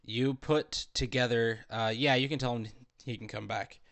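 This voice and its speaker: A man narrating as dungeon master of a tabletop game over voice chat, reading descriptions slowly with some stumbles. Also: mid-range voice, fairly even intonation, creaky, fairly bright tone.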